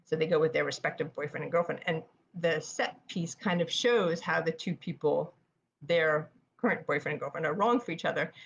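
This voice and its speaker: Low-voiced New York woman, author type, rapid chatty delivery for a live writing workshop. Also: gravelly, slight background noise. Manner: fast-talking, chatty, with frequent fillers. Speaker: author presenting writing tips. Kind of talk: live-streamed writing presentation.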